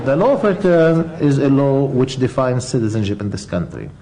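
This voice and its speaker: A man explaining a point in an interview, pausing now and then with fillers. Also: mid-range voice, expressive, crowd noise, poor audio.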